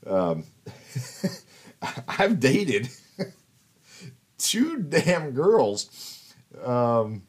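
A man's voice: medium pitch, big pitch swings, drawn-out words, long pauses, husky. A man in his fifties telling rambling personal stories in a casual monologue, swearing and laughing as he goes. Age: 50s. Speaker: podcast host.

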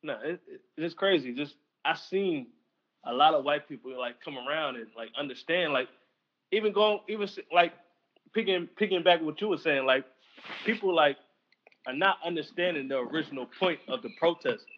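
A man's voice: fairly high pitch, moderate pace, dull audio, slight background noise. A man co-hosting a podcast in casual chat, talking bluntly and heatedly with plenty of swearing. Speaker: podcast co-host.

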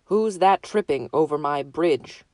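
A woman's voice: deep voice, a little slow, dry recording. A roaring ugly troll, as a woman puts him on. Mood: menacing. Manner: roaring, menacing.

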